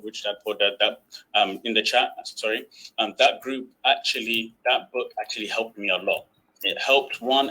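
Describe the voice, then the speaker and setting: A man's voice: lowish voice, bright, forceful tone, rough recording. A man presenting as a guest trading trainer on an online webinar, chatty with many fillers. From United Kingdom.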